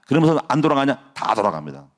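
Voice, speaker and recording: A middle-aged man preaching a dawn sermon as pastor, jokey and lively, laughing often and dropping to a near hush at times. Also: medium pitch, racing.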